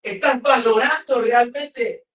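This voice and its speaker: A preacher delivering a sermon, slowing and raising the voice to read verses aloud. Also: mid-range voice, a bit bright. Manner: emphatic, slows and raises voice when reading verses. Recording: roomy hall, voice from a distance.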